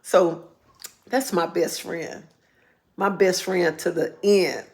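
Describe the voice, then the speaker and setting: Her voice is low, creaky and darkish, slow and fairly level in intonation. On a casual live stream she tells a heartfelt, earnest story, circling back over the same words to stress them.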